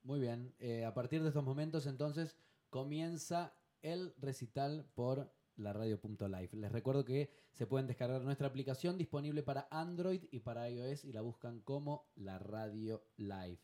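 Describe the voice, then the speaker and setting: In a studio, a male radio host interviews a guest, asking questions in an upbeat, announcer-like style. His mid-range voice has a dark tone and moves at normal speed, captured on a studio microphone.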